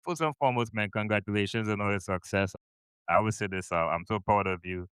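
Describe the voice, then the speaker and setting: Hosting a laid-back podcast interview, a middle-aged man from Trinidad and Tobago talks in a lowish, smooth, somewhat bright voice at a fairly brisk clip. He's cheerful and conversational, leaning on fillers and repeating words, with no room sound audible.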